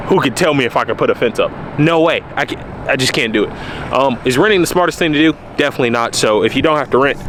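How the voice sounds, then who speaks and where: A man, talking candidly to camera about his car outdoors on a cold day, repeating points for emphasis. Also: medium pitch. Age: early 20s. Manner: candid, laid-back, repeats himself for emphasis. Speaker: car vlogger. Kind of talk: casual talk to camera. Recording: outdoor noise behind the voice.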